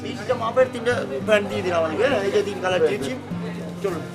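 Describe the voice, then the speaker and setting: A man in a TV drama, briskly directing others around a clothes shop. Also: high voice. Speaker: actor in a TV drama. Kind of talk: scripted TV drama dialogue. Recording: loud music over the voice.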